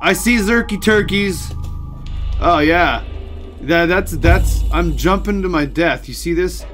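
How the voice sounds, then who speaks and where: A man hosting a gaming channel, giving excitable playthrough commentary and yelling at enemies on screen. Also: high-pitched, slow. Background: game music.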